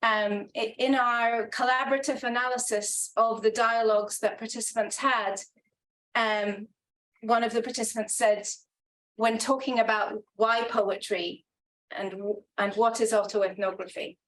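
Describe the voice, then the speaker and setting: A woman researcher with a high-ish, fairly bright voice speaks unhurriedly and with fairly even intonation during her conference talk. She's earnest and reflective but hesitant, with many restarts and ums, and the audio is poor.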